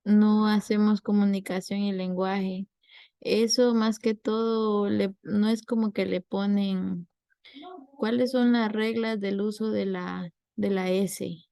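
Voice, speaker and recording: A woman's voice: medium pitch, fairly even intonation, takes it slowly, vocal fry, warm tone, no echo. A young woman, tutoring a class and patiently explaining step by step with examples.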